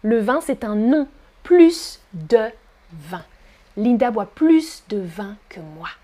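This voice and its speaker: A woman teaching French pronunciation in a live online lesson, articulating slowly and repeating words for learners, and encouraging them as she reads their chat comments. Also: mid-range voice, big pitch swings, mellow.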